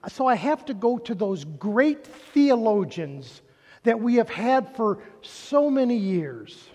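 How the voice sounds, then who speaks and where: A pastor giving a sermon in a chatty way, joking with the congregation in church. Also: male voice, high voice, big pitch swings, slow pace, mellow, long reverb tail.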